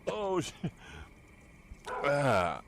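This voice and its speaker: A man's voice: on the high side, wildly swooping pitch, extremely slow, creaky, fairly bright tone. A man talking from under a desk where he has crouched down, flustered and swearing in a casual gaming chat.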